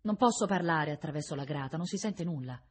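A woman reading the part of a remorseful young nobleman, speaking stiffly and haltingly, near tears. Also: deep voice, animated, husky. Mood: pleading.

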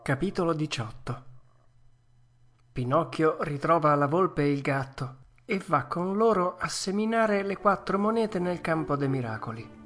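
Female audiobook narrator: deep for a woman, unhurried, measured, gentle storyteller. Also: expressive. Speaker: audiobook reader. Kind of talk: audiobook narration of a classic children's tale.

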